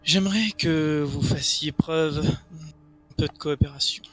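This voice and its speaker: A man portrays a controlling official interrogator in a tabletop game. The voice is fairly high and forceful, with measured, formal phrasing over music. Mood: cold, formal. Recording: music behind the voice.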